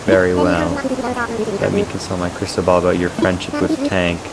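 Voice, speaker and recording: A man reading aloud the lines of a mystical female fortune teller from a game, slowly and solemnly. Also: sits low, completely flat delivery, vocal fry, a loud crowd. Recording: loud game music behind.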